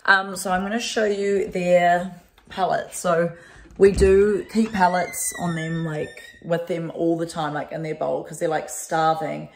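A woman's voice: fairly low pitch, a little hiss or hum. A woman vlogging casually at home, filming on a handheld camera and chatting with filler words and baby-talk to her cats. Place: home, indoors. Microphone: handheld camera and phone.

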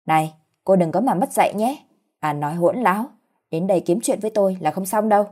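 A woman's voice: medium pitch, brisk, darkish tone, close to an everyday voice. A woman voicing a scornful middle-aged mother-in-law who scolds shrilly, in a spoken story. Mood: scolding.

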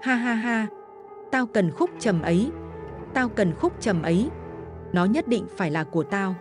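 A woman's voice: medium pitch, unhurried, over music, close to an everyday voice. A woman voicing a greed-crazed young man who laughs maniacally as he kills, in a spoken horror story. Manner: maniacal cackling.

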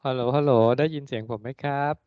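A man teaching an online engineering class. He talks steadily and ends many phrases with a soft particle. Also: mid-range voice, steady tone, very fast, no echo. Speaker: university engineering lecturer. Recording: dry, lo-fi call audio.

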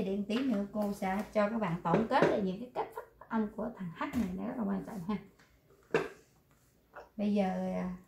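A woman's voice: medium pitch, vocal fry, reverberant, noisy background. A woman teaching a language class, explaining pronunciation with repetitive, coaxing remarks.

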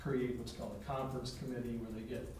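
A man delivers a legal report in a council chamber, his tone level and steady. He explains carefully and pauses often. The sound is very echoey, picked up from far across the room under heavy noise. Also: mid-range voice. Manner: measured, explanatory, with frequent pauses. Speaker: village law director. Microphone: distant room mic.

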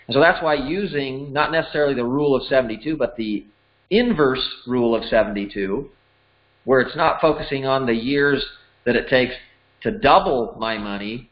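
A financial educator in his 40s, medium-pitched, explains money math plainly over slides in a conversational way, working through the numbers step by step. The voice-over has slightly dull, lo-fi sound.

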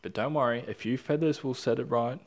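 A man's voice: medium pitch, brisk, close to an everyday voice. A man voicing a graceful female emu in a storybook with a fluttery, sighing manner.

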